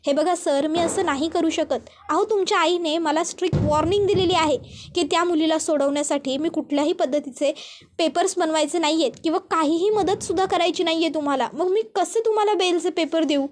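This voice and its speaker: A woman's voice: extremely high pitch, fairly quick, darkish tone. A woman voicing a nervous middle-aged lawyer who apologetically refuses a request. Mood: apologetic.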